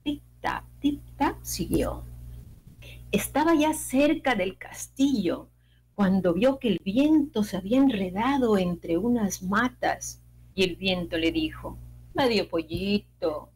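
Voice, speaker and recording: A woman telling a children's folk tale aloud, with expressive, playful pacing and sound effects. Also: mid-range voice, unhurried, slight background noise, poor audio. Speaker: storyteller. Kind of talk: oral storytelling on radio.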